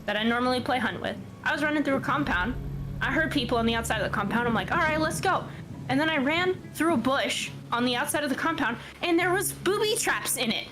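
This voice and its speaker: A woman's voice: high-pitched, quick pace, rough recording. A woman chatting casually with friends over voice chat while gaming, telling stories with lots of swearing. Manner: animated storytelling, heavy swearing. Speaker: player in a group game session. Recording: game music playing behind.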